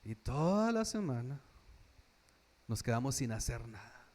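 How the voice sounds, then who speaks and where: A man from Mexico preaching a sermon as pastor. He questions the congregation, repeats key phrases for emphasis, builds to loud emphatic passages and drops his voice low at the ends of phrases. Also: sing-song, a little slow.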